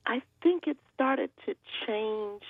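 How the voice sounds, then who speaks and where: Older woman guest, husky storyteller, dull lo-fi line. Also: fairly high pitch, takes it slowly, no room sound. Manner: storytelling, animated quoting.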